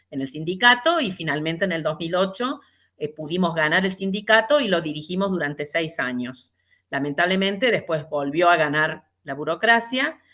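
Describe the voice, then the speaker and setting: A woman in her fifties with an Argentine accent, giving a measured, unhurried account as an interview guest, with frequent fillers and restarts. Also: sits low, pushed and bright. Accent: Argentine Spanish. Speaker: interview guest, lawyer and party leader. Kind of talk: long reflective answer in an interview.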